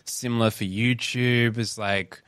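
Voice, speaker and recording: A man's voice: mid-range voice, steady tone, a little slow, fairly bright tone, clear, resonant tone, no room sound, clean studio sound. A man hosting a podcast in casual chat, rambling and reflective, often laughing. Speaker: podcast host.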